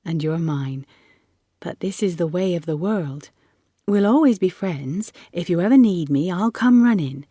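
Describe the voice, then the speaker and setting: A woman voicing an earnest, soft-spoken farm boy. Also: fairly low pitch, animated, unhurried, no echo, studio quality.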